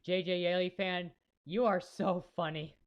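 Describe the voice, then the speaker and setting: A man rambles through casual race commentary on a live stream and chats with his viewers as he goes. His voice sits a little high. The sound comes through a dull, lo-fi home mic. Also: flat delivery, a little slow. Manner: chatty, rambling, talks to chat viewers.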